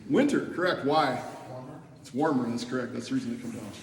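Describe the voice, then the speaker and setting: A man's voice: mid-range voice, animated, brisk, vocal fry. A man working as a cave tour guide, instructing a group and putting questions to them in an echoing cave. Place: inside a cave, group around. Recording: echoey cave, distant mic, faint noise.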